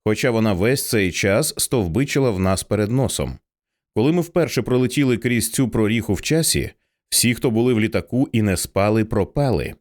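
A man's voice: on the low side, animated, a little fast, darkish tone, lightly acted. A man reading an audiobook voices a shaken male writer who explains things earnestly.

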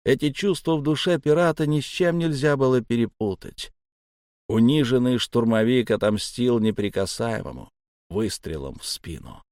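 A man giving a measured, tense first-person audiobook narration. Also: medium pitch, expressive, darkish tone, dry recording, clean studio sound.

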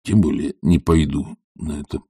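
A man voicing an older professor who grumbles and mumbles with weary, short-tempered gruffness. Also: sits low, expressive, unhurried, mellow, dry recording, clean studio sound, heavily acted. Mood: gruff.

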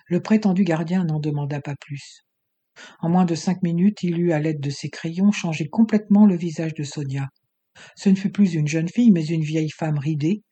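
A man narrating an adventure novel as an audiobook, in a steady, expressive storytelling manner. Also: fairly high pitch, husky.

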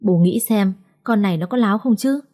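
A woman's voice: medium pitch, brisk, warm tone, natural voice. Spiteful sneering sister-in-law, voiced by a woman. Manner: sneering, condescending. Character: spiteful scheming elder daughter-in-law.

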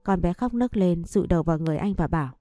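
A woman's voice: fairly low pitch, fast talker, warm tone, no echo, clean studio sound, soft background music. A woman narrating a first-person story in a sorrowful, heartfelt way.

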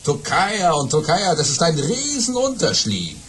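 An actor playing a boastful, excitable baron telling tall tales in a radio play, bombastic and repeating words for emphasis. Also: male voice, fairly high pitch, a little slow, soft background music, exaggerated voice. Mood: confidently bragging.

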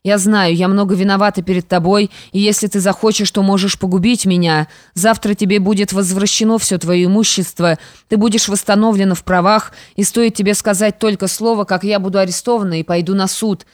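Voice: medium pitch, fairly even intonation, brisk, few pauses, no echo, studio quality, close to an everyday voice. A reader voicing a humbled, pleading stepmother. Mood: pleading, bitter. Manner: bitter, pleading.

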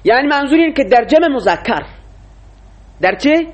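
A man's voice: very high voice, very animated. A man teaching a classroom lecture, explaining rules and quizzing his students with frequent questions.

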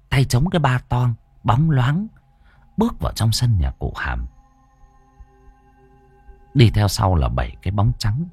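A man's voice: lowish voice, a little mellow, breathy edge, no echo. A man narrating a ghost story with dramatic, suspenseful delivery.

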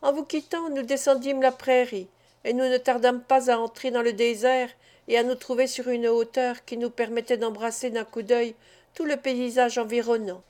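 A woman's voice: on the high side, flat delivery, moderate pace, a little mellow, natural voice. A woman reading the part of a bold teenage boy recounting a hunt in an audiobook. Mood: proud. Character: bold teenage boy, eldest son, keen hunter.

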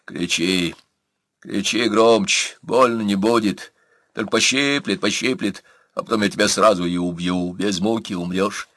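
Man as a cold executioner, slow, coaxing, low voice, dry audiobook. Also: a bit bright, no echo.

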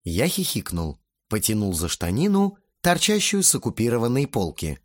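A man reading a novel aloud as an audiobook narrator, with lively, expressive delivery. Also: mid-range voice, moderate pace. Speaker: audiobook reader. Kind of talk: scripted narration.

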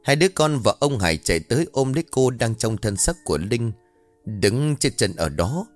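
A man narrating a scripted ghost story in an expressive storytelling way. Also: mid-range voice, moderate pace, dry recording, soft background music. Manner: expressive storytelling, voices every character.

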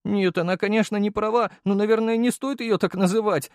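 A man voicing Volodya, a young deputy who whines, squeaks and sobs over a lost love. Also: steady tone, brisk, no echo, studio quality, close to an everyday voice. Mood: sniffling. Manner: high whimpering, sobbing voice.

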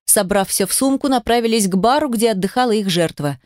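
A woman narrating a fantasy audiobook in a steady storytelling manner. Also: a little high, a little fast, no echo, clean studio sound. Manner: steady storytelling, shifting into character voices.

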